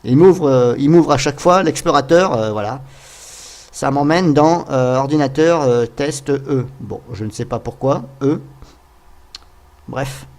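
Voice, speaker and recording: A man hosts a casual software tutorial, working things out aloud for viewers with frequent hesitant filler words. His mid-range voice moves a little slowly.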